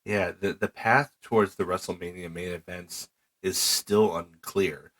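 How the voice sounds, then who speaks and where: A man co-hosting a wrestling podcast, chiming in with short, relaxed comments in casual chat. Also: low-pitched, a little slow. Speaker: podcast co-host.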